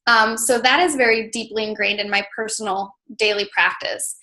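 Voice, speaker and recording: This time the Mexican interview guest, a coach-mentor whose first language is Spanish, uses a mid-range voice with a steady tone at normal speed, sounding pushed and bright. She stays chatty, full of "like" and "you know."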